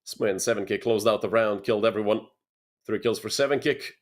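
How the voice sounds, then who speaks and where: Here the young Serbian esports caster speaks in a fairly low voice, a little on the fast side. Working alone, he calls the plays and chats with his audience between them.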